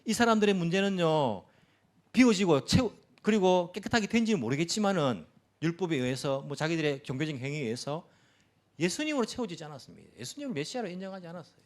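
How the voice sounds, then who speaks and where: A man's voice: on the high side, lively intonation, fast. A male pastor preaching a sermon, emphatic, with many rhetorical questions and repeated phrases.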